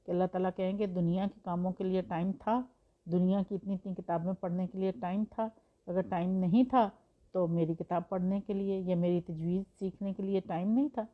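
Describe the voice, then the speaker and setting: A woman's voice: mid-range voice, narrow, tinny audio. A woman teaching Quran recitation in a patient, explanatory way, using examples and rhetorical questions. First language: Urdu. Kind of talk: explanatory religious lesson.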